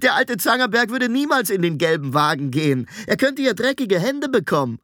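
A man voicing a cheeky blond teenage boy apprentice who grins and jokes, in a high, giggly voice. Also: very animated, brisk, a bit bright, dry recording, studio quality. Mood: cheeky, teasing.

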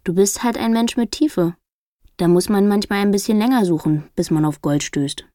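A woman's voice: medium pitch, moderate pace, no room sound, lightly acted. A woman doing a dry, teasing young guy. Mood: calm. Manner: calm, wry, unbothered.

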